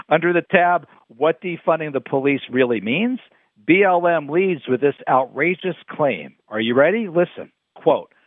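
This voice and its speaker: A man's voice: fairly high pitch, lively intonation, normal speed, no echo. A man delivering a scripted radio commentary, emphatic and quoting his sources. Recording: dry phone-like radio sound.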